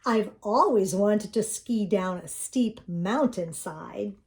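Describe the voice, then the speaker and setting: A woman's voice: medium pitch, slow pace, darkish tone. An older woman voicing a curious, cheerful little toy bear in a storybook, with an innocent, wondering manner. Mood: excited, delighted. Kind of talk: children's storybook read-aloud.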